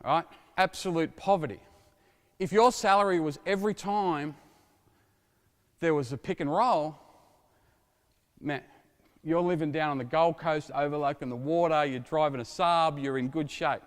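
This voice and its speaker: A middle-aged man coaching a basketball drill, calling out instructions and explaining to watching coaches in an energetic, lively way. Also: fairly high pitch, normal speed, pauses often. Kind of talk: coaching clinic demonstration. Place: indoor basketball court. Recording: long reverb of a large gym.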